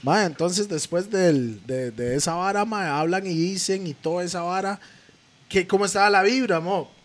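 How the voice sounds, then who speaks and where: A man's voice: high voice, normal speed, slight background noise. A man, a podcast host asking laid-back questions in casual chat.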